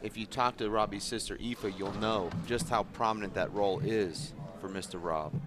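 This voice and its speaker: Measured male handball analyst. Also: lowish voice, steady tone, crowd noise. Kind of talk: live sports commentary. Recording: noisy live event broadcast.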